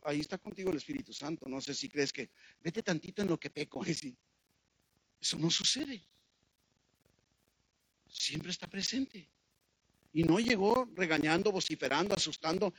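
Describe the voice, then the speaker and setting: A man's voice: on the high side, a bit bright, slightly rough, no room sound, low-quality recording. A man preaching a sermon in a conversational way, often checking in with his listeners through rhetorical questions.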